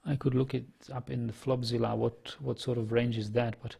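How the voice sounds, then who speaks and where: A young native Czech speaker from the Czech Republic, with a Czech accent, thinks aloud while commentating his online poker play and reading chat. His mid-range, slightly mellow voice is flat and fairly quick, with vocal fry and a breathy edge. He sounds hesitant and uses lots of fillers.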